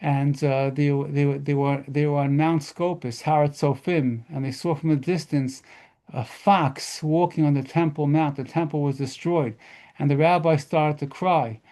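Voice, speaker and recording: A rabbi telling lively stories at a model seder lesson, mixing in Hebrew terms. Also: male voice, on the high side, measured pace.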